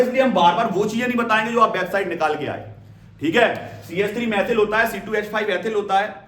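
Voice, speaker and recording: Male chemistry teacher, classroom lecture, keeps checking "clear?", high voice in a roomy hall. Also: a bit bright. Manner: repeats key terms and checks understanding with "clear?"; addresses students fondly as "beta". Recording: echoey room, voice from a distance.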